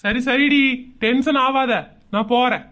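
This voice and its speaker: A woman's voice: measured pace, fairly bright tone. A woman voicing a grumbling middle-aged husband in a cartoon, scolding. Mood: placating. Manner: gruff, scolding, mutters in a low put-on voice.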